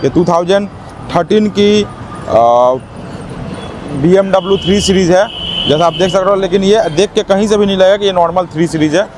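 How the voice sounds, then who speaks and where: A man giving an eager, teleshopping-style car sales pitch, hammering points home by repetition. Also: moderate pace. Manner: eager teleshopping-style selling, emphatically repeating prices. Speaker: used-car dealer presenting stock. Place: outdoors at a car lot. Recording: noisy outdoor car-lot sound.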